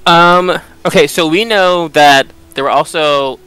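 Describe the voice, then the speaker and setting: A man's voice: a little high, measured pace, sharp tone, clean tone, soft background music. A man chatting casually as a tabletop game player, hesitantly thinking aloud.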